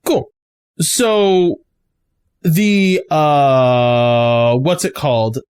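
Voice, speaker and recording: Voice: mid-range voice, very slow, darkish tone, clear, resonant tone. A game master narrating a tabletop game in a loose way, with lots of fillers.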